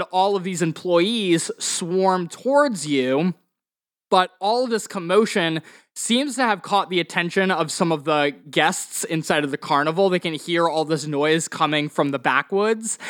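A man's voice: sits high, no echo, studio quality. A man narrating a tabletop horror game as game master, telling the scene with animation. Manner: animated storyteller.

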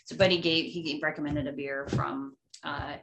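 Lady podcast cohost, kinda low voice, animated storyteller who laughs a lot. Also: normal speed, background noise. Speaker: podcast co-host. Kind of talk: casual chat.

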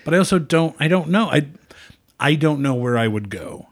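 A man's voice: on the high side, animated, normal speed. A man in his thirties, a podcast guest, talking casually in a hesitant, rambling, joking way. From Michigan. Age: 30s. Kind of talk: casual conversation.

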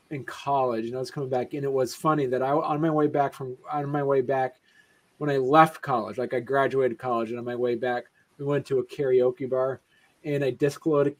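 A young adult man, a podcast co-host, telling a rambling story in casual chat with many restarts. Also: medium pitch.

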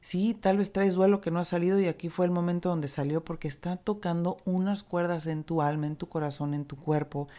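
Low-voiced Mexican woman, frank and warm-toned. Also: steady tone, a little fast, hardly any pauses. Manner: candid and earthy, mixing gentle encouragement with casual swearing. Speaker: recovery speaker. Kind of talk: reflective motivational monologue.

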